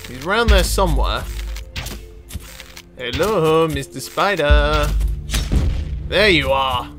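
With music playing behind him, a man hosts a gaming video full of casual, jokey, self-mocking commentary, exclaiming and talking to the game's characters. His voice is fairly high and expressive, and he speaks slowly.

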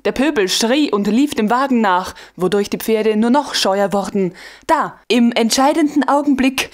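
A woman reading a classic novel aloud as an audiobook narrator, with even, measured storytelling. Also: fairly high pitch. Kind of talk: scripted narration.

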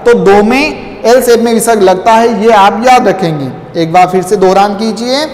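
A man teaching a school lesson, reciting word forms in a slow chanting drill for pupils to repeat. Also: high voice, a little mellow. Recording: echoey, reverberant room.

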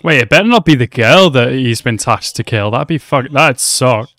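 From a small home room, a young man in a headset offers casual reaction commentary on an anime episode, chatting loosely, cursing often and calling the characters bro. His voice sits at an ordinary pitch and sounds animated at a normal speed. The recording is close and dry, with a fairly bright tone.

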